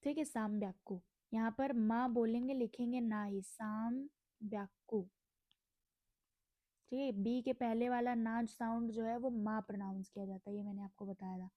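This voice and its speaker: Her voice is a little high, steady and mellow as this young woman from India runs a relaxed language lesson with no room sound. She says every word slowly more than once and answers the questions she asks herself.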